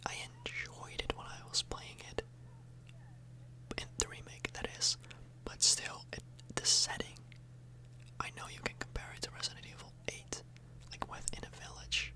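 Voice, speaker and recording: The recording quality is low as an ASMR video host whispers breathily and unvoiced into a nearby mic. She rambles in an informal, slightly hesitant way.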